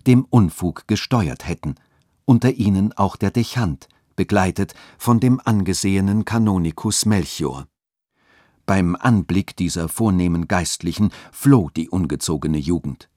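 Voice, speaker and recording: A man calmly narrating a radio story. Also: deep voice, no room sound, studio quality. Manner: calm, even storytelling.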